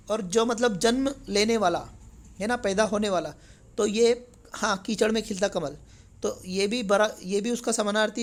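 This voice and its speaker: A talkative teacher with a high-pitched voice leads a lesson walking through an exam paper. His first language is Marathi, and he keeps things conversational, frequently checking in with tag questions.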